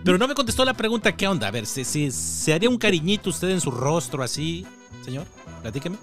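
A man's voice: sits high, big pitch swings, fast talker, fairly bright tone, faint music behind. A man in his thirties with a Mexican accent, co-hosting a joking casual chat in a mock-formal, teasing manner. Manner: mock-formal, teasing, keeps calling others "señor". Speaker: podcast co-host.

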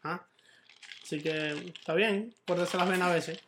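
A man's voice: sits high, normal speed, fairly bright tone, a little hiss or hum. Playful man hosting a podcast. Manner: playful, rambling, asks the questions. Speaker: podcast host. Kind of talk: casual chat.

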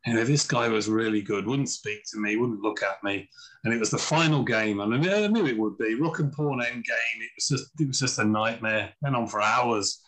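A man's voice: medium pitch, brisk, a bit bright, low-quality recording. A man, a guest in a casual podcast interview, telling chatty anecdotes and acting out what others said. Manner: chatty anecdotal storyteller, acts out quoted voices. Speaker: guest, chess author.

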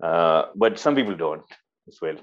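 A man's voice: sits low, expressive, moderate pace, lo-fi sound. A man with a Pakistani accent telling stories casually in conversation, informal and hesitant, often repeating his words. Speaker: interview guest, former army cadet.

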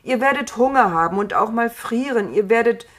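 A woman voicing a stern, booming God. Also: expressive, normal speed. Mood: solemn. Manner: solemn, booming when angry. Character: stern grieving male God, old and commanding. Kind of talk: storybook reading.

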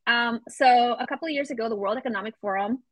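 A Venezuelan woman, founder of a children's media brand, speaks enthusiastically as a guest in a podcast interview, slipping Spanish phrases into her English. Her voice is on the high side, she talks fast, and there is no echo.

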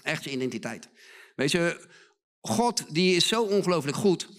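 A middle-aged man preaching a sermon in a church hall, his voice sitting notably high for a man. He speaks with emphasis, repeats phrases for force and slips into the voices of the people he quotes. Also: lively intonation, normal speed.

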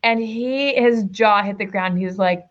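A woman's voice: medium pitch, normal speed, highs cut off. A woman relationship coach speaking as a guest in a casual interview, with a direct and emphatic coaching tone.

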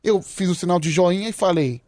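A man co-hosting a talk show, telling a story in a relaxed way with laughs. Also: sits high, a little fast, no echo. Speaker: radio show co-host. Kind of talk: casual storytelling.

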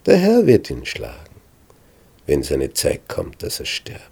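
A man voicing an eager male soldier who whispers urgently and slowly in the dark. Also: rumbling low, wildly swooping pitch, vocal fry, slightly rough, full character voice.

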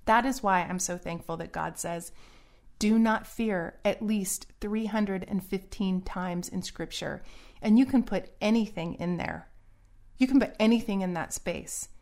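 A middle-aged woman giving earnest, preachy solo commentary in a warning tone. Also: mid-range voice.

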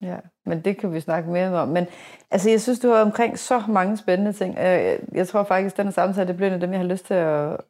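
A woman in her forties hosting a podcast, chatting casually and telling stories in a lively way with many restarts. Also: lowish voice. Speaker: podcast host. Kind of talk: casual conversation.

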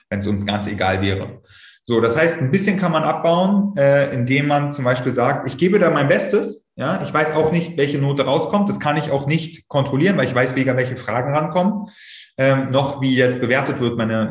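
A man giving lively advice as a stress coach in a casual podcast talk, acting out little worried voices. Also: medium pitch, echoey room.

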